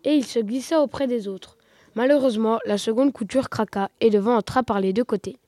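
A woman reads a children's tale aloud with expressive, lively storytelling. Her voice sits fairly high, and the recording is close and dry with no room echo. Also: a little fast. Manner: expressive, lively read-aloud with rising excitement.

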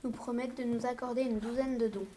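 A vain, eager peasant wife from a storybook, read aloud by a woman with a fairly high voice and a dramatic manner. Clear hiss and clicks run under the reading. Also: fairly even intonation, brisk, lightly acted. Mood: longing. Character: poor peasant wife, vain and quick-wishing. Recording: noisy home recording with clicks.

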